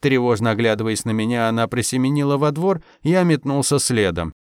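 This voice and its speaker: A man's voice: mid-range voice, a little fast, clean tone, no room sound, studio quality. Man reading a wry first-person story. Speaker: audiobook reader. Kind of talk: scripted first-person narration.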